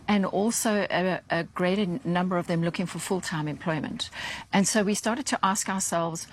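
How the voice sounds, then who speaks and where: Female interview guest, slightly low pitch, measured articulate explainer, faint ambience behind. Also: a little hiss or hum. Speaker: interview guest presenting research findings.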